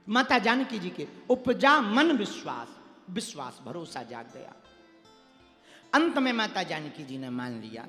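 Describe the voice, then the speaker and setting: A man's voice: a little high, a bit bright. A man preaching a devotional sermon to a large gathering, telling a story and coaxing the crowd to answer him. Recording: long hall reverb, faint music.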